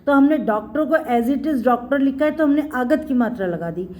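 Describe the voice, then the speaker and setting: A woman's voice: high-pitched, lively intonation, moderate pace, warm tone. A middle-aged woman teaching a Hindi spelling lesson to children, patient and repetitive, often calling her pupils "beta".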